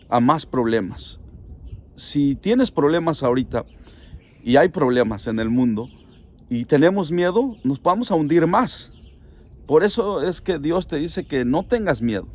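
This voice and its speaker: A man's voice: a little high, a little mellow. A middle-aged man, a pastor preaching a sermon in an earnest, pleading way, speaking straight to the listener.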